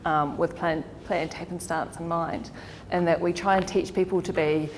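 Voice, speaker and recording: A New Zealand-accented woman gives an informal career counselling workshop to an audience in a meeting hall, laughing frequently. Her voice is lowish with fairly even intonation and normal pace, and there's slight background noise plus a long reverberant tail.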